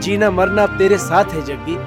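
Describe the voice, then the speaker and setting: A man's voice: high-pitched, normal speed, over loud music, natural voice. A man dubbing a devoted, melodramatic male sidekick pleading with his friend. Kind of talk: Hindi film dubbing.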